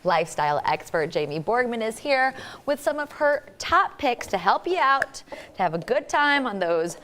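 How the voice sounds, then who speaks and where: Lively chatty woman TV host. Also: fairly high pitch, moderate pace. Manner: friendly, chatty, laughs easily. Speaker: TV show host. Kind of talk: morning TV chat. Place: TV studio.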